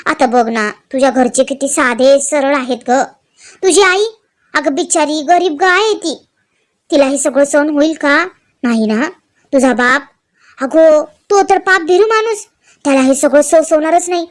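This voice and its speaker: A woman's voice: high-pitched, lively intonation, a little slow. A woman voicing a scheming, domineering older matriarch who coaxes and threatens in a dramatized story reading. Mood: menacing. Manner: coaxing, menacing, emotionally blackmailing. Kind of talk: dramatized serial recap reading.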